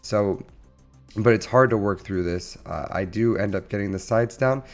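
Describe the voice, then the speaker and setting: A man who sounds under the weather, giving casual, halting gameplay commentary as the host of a gaming channel. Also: on the low side. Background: music.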